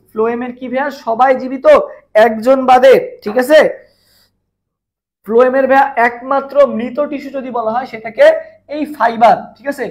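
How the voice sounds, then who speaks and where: A young man from Bangladesh teaching a live online biology revision class, repeating questions and answers and asking viewers to comment. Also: very high voice.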